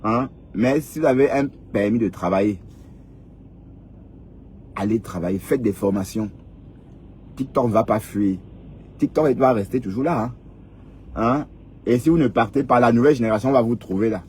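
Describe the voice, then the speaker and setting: A man's voice: medium pitch, normal speed, long pauses, darkish tone, slight background noise. A man in his fifties giving lecturing advice in a casual vlog monologue, repeating points and prodding listeners with "hein?". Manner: lecturing, repetitive, frequent "hein?". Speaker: vlogger.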